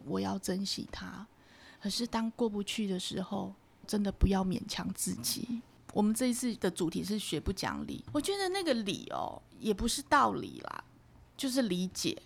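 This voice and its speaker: A woman with a gravelly, creaky voice at a middle pitch. She talks in casual podcast chat, reflective and earnest, and keeps a gentle tone. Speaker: podcast guest.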